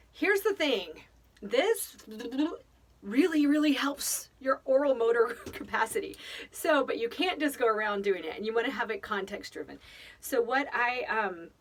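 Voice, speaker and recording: Woman rambling through advice, laughs a lot, kinda far from the mic. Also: mid-range voice. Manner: chatty, rambling, laughs often, thinks aloud. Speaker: speaker on children's faith formation. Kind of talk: casual advice talk.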